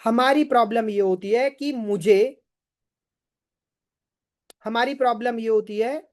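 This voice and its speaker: A man's voice: extremely high pitch, a little slow, a little mellow. A man running a live online sales training, emphatic and firing rhetorical questions, urging viewers to answer in the chat.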